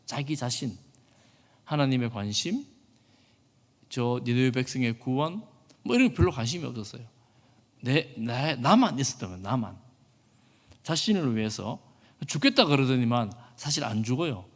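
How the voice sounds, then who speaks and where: A man preaching a sermon as pastor, earnest and animated. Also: medium pitch. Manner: earnest, animated, acts out quoted speech. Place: church hall. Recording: echoey church hall.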